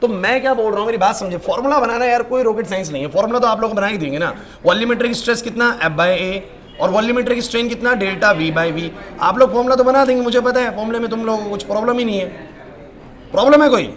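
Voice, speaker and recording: Young male physics teacher in a classroom, high voice; scolds, coaxes, quizzes pupils by name. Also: quick pace, a bit bright.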